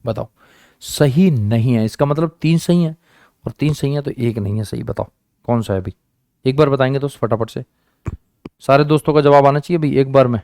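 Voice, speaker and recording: A man's voice: medium pitch, normal speed, long pauses, warm tone, no echo, clean studio sound. A man teaching an online exam-prep class, coaxing his students, repeating each question and answer and calling them friends and children. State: sore hand, says it hurts.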